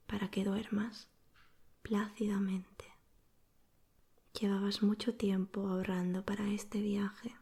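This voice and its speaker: Soft whispering woman, breathy and mellow. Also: medium pitch. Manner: soothing, slow-paced, hushed narration. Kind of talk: whispered ASMR guided bedtime storytelling.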